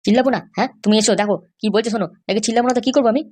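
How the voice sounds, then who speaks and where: A woman voicing a hot-tempered young husband in a cartoon, threatening and shouting insults. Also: a little high, steady tone, racing, close to an everyday voice. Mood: resentful. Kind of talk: cartoon voice acting.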